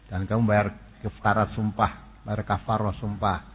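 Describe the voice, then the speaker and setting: A male preacher explains his points patiently, now and then dropping into asides. His voice is husky and sits at a middling pitch. The sound is thin and phone-like, with a long hall echo behind it. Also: little pitch movement, unhurried. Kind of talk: Islamic sermon.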